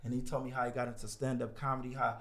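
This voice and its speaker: Fast-talking gravelly man telling a story. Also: medium pitch, echoey room. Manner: animated, acts out quoted voices. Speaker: podcast guest. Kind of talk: casual storytelling.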